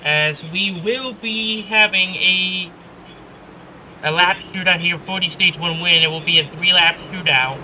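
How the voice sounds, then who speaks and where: A man giving live motorsport commentary as a race commentator, calling the action in drawn-out announcer phrases. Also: high voice. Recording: clear engine and car noise behind.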